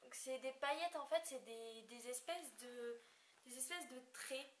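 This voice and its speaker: Slow, hesitant woman vlogger. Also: high voice. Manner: hesitant, many fillers, apologetic about describing colors. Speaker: beauty vlogger. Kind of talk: casual haul video. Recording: echoey room with faint hiss.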